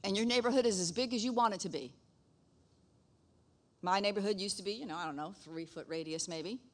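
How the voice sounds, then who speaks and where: Woman preaching, middle-aged, lively storytelling, playful asides, mid pitch. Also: brisk. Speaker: pastor's wife and church leader. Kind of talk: sermon.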